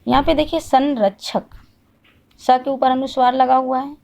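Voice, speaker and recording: A woman teaching a Hindi grammar lesson. She asks the class questions, answers them herself and repeats each point slowly. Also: sits high, steady tone, gravelly, darkish tone, muffled recording.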